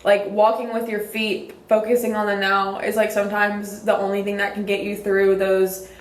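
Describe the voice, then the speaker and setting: A woman's voice: medium pitch, monotone, moderate pace, roomy sound. A young woman, hosting a podcast in a casual, rambling chat full of "like". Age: young adult. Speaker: podcast host.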